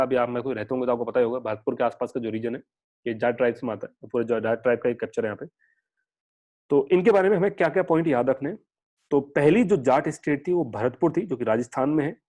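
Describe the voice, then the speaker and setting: Young male tutor, rapid and rambling, casual online lecture. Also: medium pitch, a little mellow. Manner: chatty, digressive, mixing English terms into Hindi. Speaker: exam-prep history teacher.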